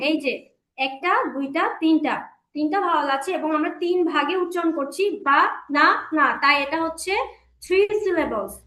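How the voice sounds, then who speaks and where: A woman with a Bangladeshi Bengali accent teaching children English grammar in an online class, patiently explaining and repeating words slowly. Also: high-pitched, a bit bright, reverberant. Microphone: online class call.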